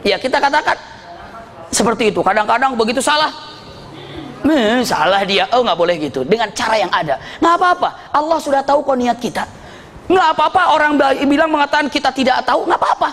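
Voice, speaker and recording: A man preaching at a religious study session, telling lively, humorous stories and acting out the voices of the people in them. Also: extremely high pitch, fast talker. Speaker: Islamic preacher. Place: mosque study hall. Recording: echoey hall with faint noise.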